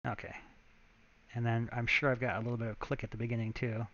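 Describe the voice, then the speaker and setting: A man's voice: medium pitch, level tone, fast talker, a bit bright, no room sound, dull audio. A man, a game developer, chatting casually and thinking aloud as he walks viewers through his work on a live stream.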